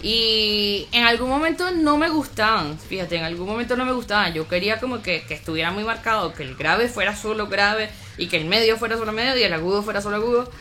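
Woman from Venezuela, bright voice, casual interview talk, reflective, restarts often. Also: mid-range voice, animated, fairly quick, few pauses. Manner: reflective, many restarts and fillers. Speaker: metal band vocalist, guest.

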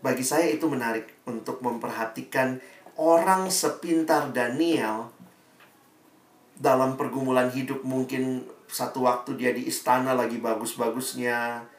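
A man preaching a sermon to young people, telling the story in a lively way and acting out the quotes. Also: medium pitch, a little slow. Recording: roomy sound, mic far off.

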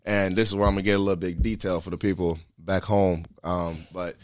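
Man, lowish voice, casual interview guest, candid, earnest, slangy, lots of fillers. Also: flat delivery, a little fast. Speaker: guest telling a personal story. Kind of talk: casual conversational storytelling.

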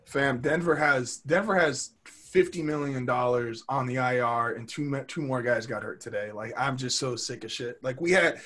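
A man co-hosting a casual podcast, ranting and swearing in excited bursts. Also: mid-range voice, normal speed, hardly any pauses. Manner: animated, swearing, rants in bursts. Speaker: podcast co-host. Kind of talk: casual chat.

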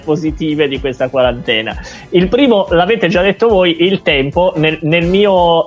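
Higher-voiced man chatting jokily over music. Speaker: podcast co-host. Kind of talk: casual humorous chat.

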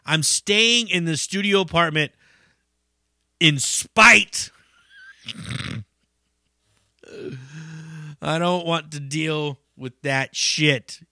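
Middle-aged male podcast host, loose and profane, close dry mic, bright edge. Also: fairly high pitch, extremely slow, long pauses, no echo. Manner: profane, rambling, laughs often. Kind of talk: casual monologue.

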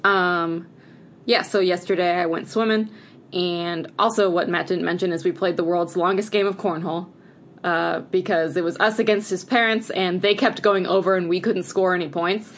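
Chatty woman with a lowish voice. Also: steady tone, normal speed. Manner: chatty and enthusiastic, heavy use of 'like'. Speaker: podcast co-host. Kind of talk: casual podcast chat.

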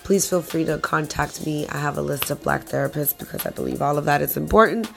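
Hoarse woman introducing a podcast. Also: deep voice, brisk, soft background music. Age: 30s. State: hoarse with a cold. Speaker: podcast host.

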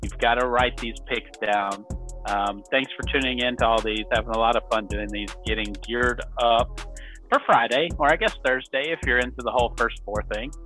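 A man's voice: mid-range voice, fairly even intonation, normal speed, bright, forceful tone, soft background music. A man hosting a casual sports betting podcast, upbeat and chatty, laughing often. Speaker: podcast host.

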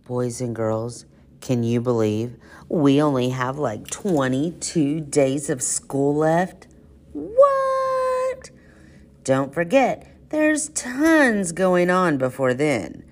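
With a rumbling low voice and slow delivery, a woman hosts school announcements like a kids show host. She's animated and exclamatory, speaking directly to children.

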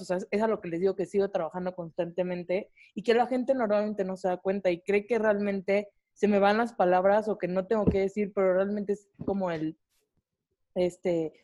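Chatty Mexican woman telling a story. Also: mid-range voice. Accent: Mexican Spanish. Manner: animated, swears casually, frequent fillers. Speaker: podcast co-host. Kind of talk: casual storytelling chat.

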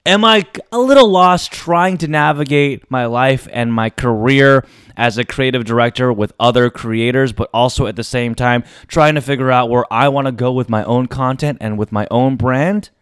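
Male podcast host, theatrical showman delivery, emphatic dramatic pauses, smooth clear voice, dry close sound, confessional solo talk. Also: medium pitch, fairly bright tone, no echo.

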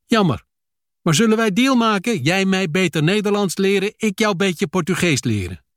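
A prickly, sharp-tongued widow as a male reader puts her on, her voice pushed high and swinging up and down. She speaks in blunt, clipped broken phrases, in a dry, close sound. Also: expressive, normal speed, no room sound. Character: fierce Brazilian widow in broken Dutch.

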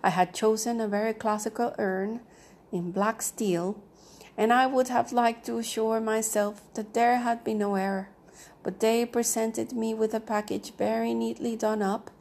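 A woman narrating a novel aloud in a measured, even reading style. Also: fairly high pitch, vocal fry. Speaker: audiobook reader.

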